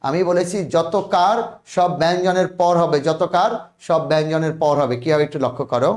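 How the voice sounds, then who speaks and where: A man teaching a spelling lesson, drilling students, repeating words and pressing for quick answers. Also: on the high side, steady tone, a little mellow, echoey room.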